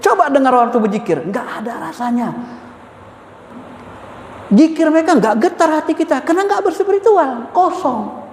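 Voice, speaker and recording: A man giving an informal Islamic spiritual lecture, emphatic and animated, repeating key words and addressing his listeners directly. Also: extremely high pitch, moderate pace, pauses often, slight background noise. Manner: addresses listeners as "Pak", chuckles. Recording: echoey hall with faint ambience.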